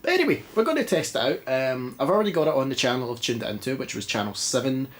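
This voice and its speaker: This is a fast-talking Scottish retro game vlogger with an expressive, medium-pitched voice that sounds congested and stuffy. He rambles chattily and mocks himself in casual conversation as he tests an old console in a dim living room.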